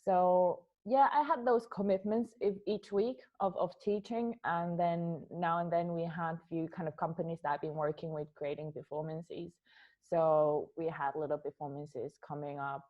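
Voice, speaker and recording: A young Finnish woman, a dance artist, answers interview questions about her dance work in a Finnish accent, hesitating and repeating words while she searches for them. Her voice is fairly low with fairly even intonation at a moderate pace. The highs in the audio are cut off.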